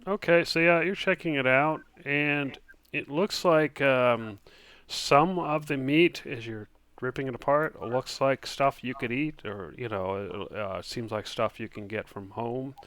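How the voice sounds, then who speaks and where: A man narrating as game master, describing actions and dice rolls in a relaxed way with many fillers. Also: medium pitch, measured pace, no room sound.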